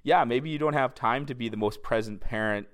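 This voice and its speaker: Guy on a recap podcast, medium pitch, just chatting casually and thinking things through. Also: fairly quick. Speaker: podcast co-host.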